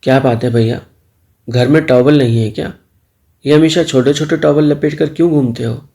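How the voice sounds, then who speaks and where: A cheeky young milkman in a spoken storybook, as a man reads him, teasing and playful. The voice sits low and mellow with a gravelly fry running through it. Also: fairly even intonation, moderate pace, natural voice. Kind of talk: storybook dialogue.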